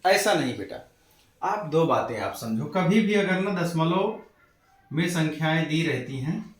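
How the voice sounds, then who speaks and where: A man teaching a casual maths lesson to children, calling them beta, checking in often and slowing down to spell out numbers. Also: on the high side, animated. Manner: calls students beta, keeps asking "theek hai na". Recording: echoey room.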